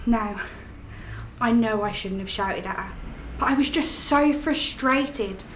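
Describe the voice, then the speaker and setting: A woman's voice: on the high side, takes it slowly. An actress playing a young woman's ghost, upset and frustrated at being murdered, in a film. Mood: angry. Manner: upset, shouting then apologetic. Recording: echoey room with faint noise.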